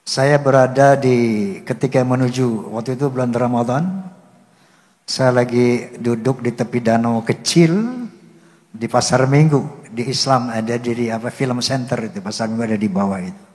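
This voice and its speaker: A man's voice: mid-range voice, a little slow, long pauses, a little mellow. An older man telling a personal story to a cleric in an earnest, devout way, often breaking into religious exclamations. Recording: long hall reverb.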